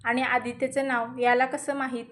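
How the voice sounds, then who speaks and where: A woman's voice: on the high side, flat delivery, moderate pace, fairly bright tone, a little hiss or hum, close to an everyday voice. A woman voicing a frightened, tearful young woman who speaks fearfully. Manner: fearful, trembling.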